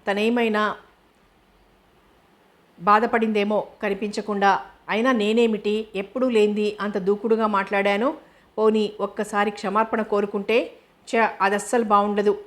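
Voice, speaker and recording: A woman's voice: mid-range voice, level tone, measured pace, long pauses, natural voice. A woman voicing a hot-tempered young male doctor, in a brusque, brooding storybook reading. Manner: brusque, brooding inner monologue.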